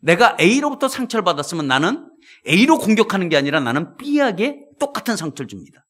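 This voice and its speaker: A male pastor preaching a sermon in a church, telling stories with animated delivery and speaking directly to the congregation. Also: high-pitched, normal speed. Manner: animated storytelling, addresses congregation.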